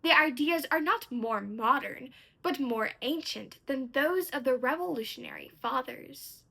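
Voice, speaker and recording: A woman delivering a formal speech in a declamation style, with precise, deliberate elocution and emphatic pauses. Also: sits high, animated, creaky, sharp tone, husky. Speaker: speech contest competitor.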